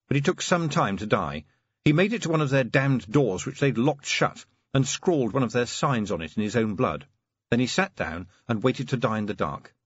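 A hard, blunt young woman officer who speaks grimly, as a narrator puts her on. The voice is husky and lively, and the recording sounds dull and dry. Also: medium pitch, dry recording. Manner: blunt, bitter.

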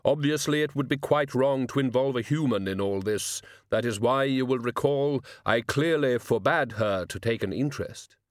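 A man voicing Death, a solemn supernatural master who speaks slowly, formally and with earnest gravity. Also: medium pitch, no room sound, pitched above the performer's own voice, natural voice. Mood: ponderous, earnest. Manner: slow, measured, formal, ponderous.

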